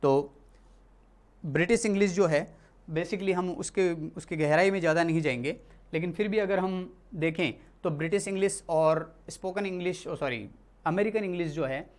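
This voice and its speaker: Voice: medium pitch, normal speed. A teacher from India giving a classroom lesson, explaining patiently and often repeating and correcting themselves. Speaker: English teacher.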